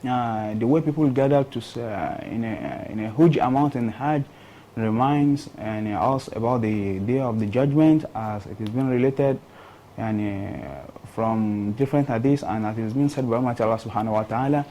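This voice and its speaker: A man reflecting slowly and haltingly, speeding up when he quotes scripture. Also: medium pitch, dark tone, a little hiss or hum, rough recording. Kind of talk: reflective comment.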